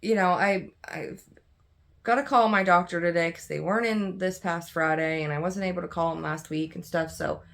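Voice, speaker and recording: A woman's voice: fairly low pitch, fairly even intonation, normal speed, creaky, a bit bright. A young adult woman chatting casually and candidly to camera as a craft vlogger, tired and yawning, rambling with many fillers and restarts. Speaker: cross stitch vlogger.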